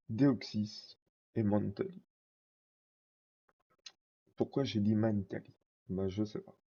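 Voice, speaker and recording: Dark, muffled casual man. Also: on the low side, slightly rough. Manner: rambling, many fillers and self-corrections. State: scratchy throat. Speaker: card collector vlogger. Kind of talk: casual collection showcase.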